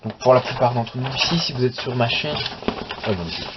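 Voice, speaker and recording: A young man hosts a casual unboxing chat, rambling, talking to himself and dropping light swear words as he flips through pages. His voice sits at a middling pitch for a man. The recording sounds a little muffled, with clear steady noise behind him. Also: fairly quick. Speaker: manga channel host.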